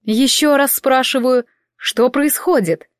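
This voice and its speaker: A woman's voice: high-pitched, slow pace, no echo, studio quality, pitched above the performer's own voice. A woman playing a stern, imperious elf lady. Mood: stern, arch. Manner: stern and imperious, with an arch, amused edge. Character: tall, stern, noble elf woman, a mother with dry wit.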